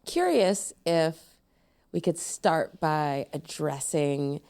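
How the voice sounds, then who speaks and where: A woman hosts a podcast interview with a very low voice. Her tone is dark and mellow, and she asks questions softly and with curiosity. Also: animated, extremely slow. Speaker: podcast host.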